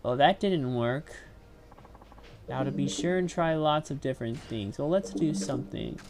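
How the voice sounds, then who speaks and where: A woman's voice: deep voice, moderate pace, over a noisy crowd. A woman streaming a video game, thinking aloud in casual, jokey commentary.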